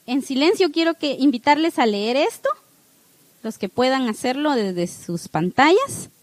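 High-pitched lady teacher, keeps going "¿sí?", talking right to the class, dry close sound. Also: sing-song, unhurried, dry recording, rough recording. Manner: checks in with the listeners by asking "¿sí?" over and over; speaks straight to the audience with warm, coaching encouragement. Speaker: teacher leading an online class. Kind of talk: instructive talk to a class with a spiritual close.

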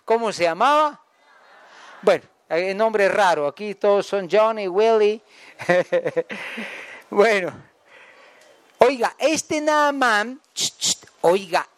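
A Guatemalan-accented preacher with a high voice tells homely stories in a chatty sermon, joking and asking his listeners questions. The sound is dry and close. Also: smooth, no room sound. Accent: Guatemalan Spanish. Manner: chatty, jokes with the congregation, asks them questions. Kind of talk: folksy storytelling sermon.

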